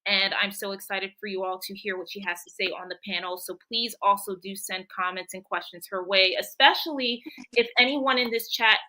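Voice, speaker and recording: A woman's voice: medium pitch, steady tone, brisk, pushed and bright, low-quality recording. A woman moderating a livestream panel as host, speaking in an effusive, encouraging way.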